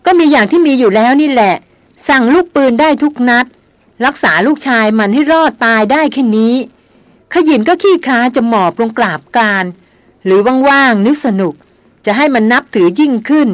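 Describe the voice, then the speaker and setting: A woman's voice: high voice, normal speed, no echo, natural voice. A woman reading the lines of a grown male hunter, who talks politely and evenly. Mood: calm teasing. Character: grown male jungle hunter, calm and teasing.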